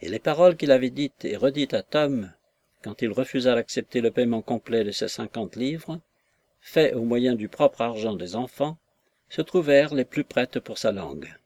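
A man reading a novel aloud as narrator, in a measured, steady delivery. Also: medium pitch.

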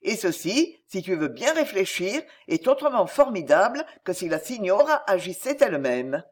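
Woman voicing a fiercely jealous noblewoman; cold, intense, menacing, pitched high. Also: big pitch swings, moderate pace, darkish tone.

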